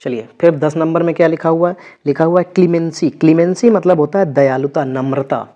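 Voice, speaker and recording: A man's voice: fairly high pitch, brisk, mellow. Man teaching vocabulary, lo-fi recording. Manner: repeats words with frequent check-ins. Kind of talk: exam vocabulary lesson.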